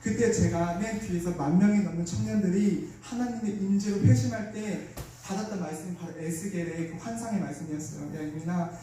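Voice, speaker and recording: A young man preaches with fervent, prayerful intensity, his high voice soft and mellow. He is heard from a distance in a large church hall. Heavy echo fills the sound. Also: a little fast. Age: young adult. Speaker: young lay speaker giving testimony. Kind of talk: revival sermon testimony. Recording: echoey church hall from afar.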